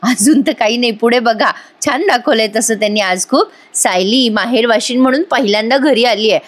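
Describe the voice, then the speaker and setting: A woman's voice: fairly high pitch, brisk. Chatty woman recapping a TV serial. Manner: chatty, addresses viewers with wry asides. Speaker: TV serial reviewer. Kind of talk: voice-over episode recap.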